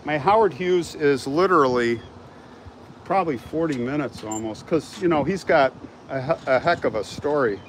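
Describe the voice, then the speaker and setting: An older American vlogger walks a large open cemetery, chatting with live-stream viewers and bouncing between remarks. He sounds a little high and animated at normal speed. Sound comes from a handheld phone at arm's length, with noisy urban ambience around him.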